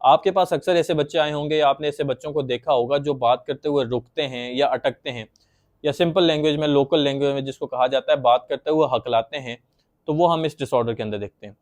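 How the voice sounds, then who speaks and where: A man's voice: mid-range voice, brisk, a little mellow. A man giving a patient, plain explanatory lecture on psychology, acting out stuttering examples as he goes.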